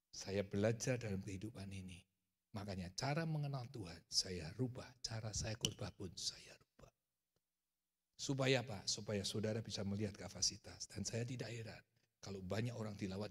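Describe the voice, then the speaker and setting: A middle-aged man preaching a sermon to a congregation, telling animated stories and sometimes raising his voice sharply. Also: on the low side, husky, long reverb tail. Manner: animated storytelling, shouting in acted quotes. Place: church.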